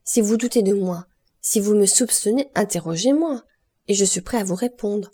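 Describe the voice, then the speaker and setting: A woman's voice: medium pitch, moderate pace, warm tone, slightly rough. A woman voicing an honest young male prisoner in an audiobook, earnest and pleading.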